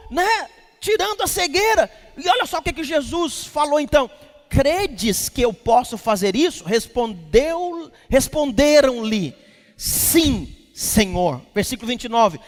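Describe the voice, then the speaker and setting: A male pastor preaching a lively sermon at a church service, quizzing the congregation and breaking into shouts. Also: very high voice. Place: church service in a large hall. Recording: long hall reverb from the church.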